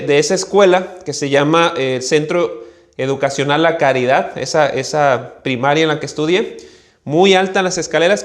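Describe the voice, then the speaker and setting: A Mexican-accented pastor tells a personal story from the pulpit and acts out the voices in it. His voice sits on the higher side for a man. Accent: Mexican Spanish. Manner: animated storyteller, acting out voices. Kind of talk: storytelling sermon.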